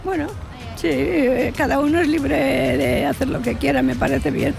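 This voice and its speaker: A woman's voice: high-pitched, moderate pace, gravelly, over music. An older woman from Burgos giving short, amused answers in a street interview. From Burgos, Spain. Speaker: passer-by. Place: outdoors on a street bench.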